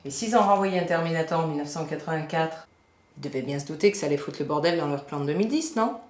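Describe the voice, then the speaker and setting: Film parody casting: actress as sceptical hunted mother, low voice, casual and matter-of-fact, roomy sound with some noise. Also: lively intonation, fast talker. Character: pragmatic, sceptical mother hunted by killer machines.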